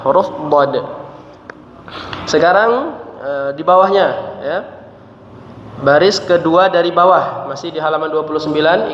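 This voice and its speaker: High-voiced man teaching recitation, echoing. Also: fairly bright tone, slight background noise. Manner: patient, repeats letters and ends phrases with a tag. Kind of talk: tajwid lesson with letter drills. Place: mosque hall. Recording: echoey hall with faint ambience.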